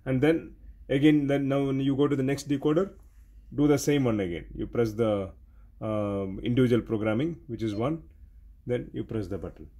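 In a mellow, mid-range voice at normal speed, a man gives practical technical training, showing how the equipment operates through repetitive, step-by-step explanation.

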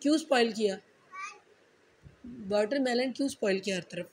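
A woman's voice: a little high, normal speed, a little mellow, a little hiss or hum. A young mother at home scolding her small child, repeating stern questions while fighting back laughter.

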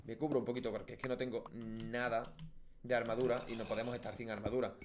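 A Spanish YouTuber talks fast in a level tone while playing through a game, chatting casually to himself and to viewers. When he dies he breaks into high yelps; there's slight background noise, and his accent is from Spain.

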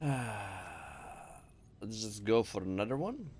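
A man streaming a game live, chatting casually and playfully, thinking out loud and humming nonsense syllables while he plays. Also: on the low side, very animated, extremely slow, slight background noise. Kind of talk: casual live gameplay chat.

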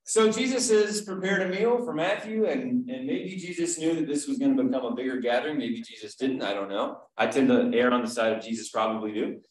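A man's voice: medium pitch, fairly quick, hardly any pauses. Conversational man teaching Bible study. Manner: conversational, asks the group questions, frequent "right?". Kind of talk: casual Bible study teaching on a video call. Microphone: video call. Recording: very echoey room.

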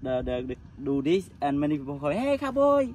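A man's voice: medium pitch, level tone, fairly quick, warm tone, a little hiss or hum. A Cambodian man in his forties, a tuk-tuk driver, telling stories in broken English with a Cambodian accent, laughing often and acting out the voices of people he quotes. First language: Khmer. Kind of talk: casual storytelling interview.

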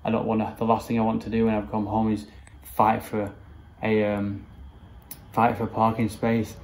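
This home renovation vlogger, a man in his thirties, has a fairly low, somewhat dark voice that stays monotone at an ordinary pace. He wanders through the rooms of a house indoors, giving a rambling, matter-of-fact vlog commentary into a handheld camera or phone at arm's length. Background noise is clearly audible.

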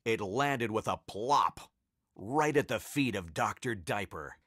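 A man narrating a children's storybook, playful and expressive, his pitch moving widely through each line. The recording is close and dry, with no room sound. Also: slow pace, no echo.

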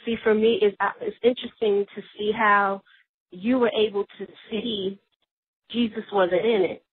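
A woman's voice: medium pitch, fairly even intonation, moderate pace, slightly rough, no room sound. A woman appearing as a guest on a faith talk show, speaking in an earnest, confessional way as she shares her experiences. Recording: dry, tinny phone-line sound.

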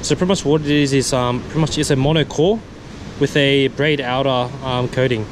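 A man's voice: mid-range voice, fairly quick, background noise. A young man vlogging from a seaside rock ledge with an action camera, talking casually about his catch and his fishing gear with lots of fillers. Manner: relaxed, filler-heavy, says "pretty much" often. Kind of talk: casual outdoor vlog with gear talk. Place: rock ledge by the sea, outdoors. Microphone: head or chest-mounted action camera.

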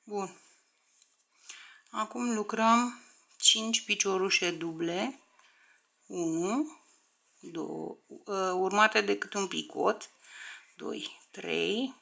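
A woman's voice: mid-range voice, creaky, long pauses, bright, forceful tone. A woman teaching a crochet tutorial step by step, counting stitches aloud, often under her breath, and checking in with viewers.

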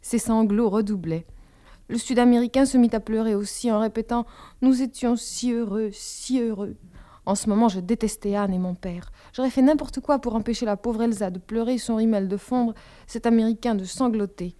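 A woman narrating a literary novel as an audiobook in a calm, measured reading. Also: fairly high pitch.

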